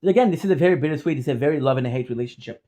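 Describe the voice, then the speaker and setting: Higher-voiced French-accented man, casual storyteller. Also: lively intonation, warm tone. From France or French-speaking region. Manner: halting, repeats and corrects himself. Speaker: content creator. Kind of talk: casual rambling vlog storytelling.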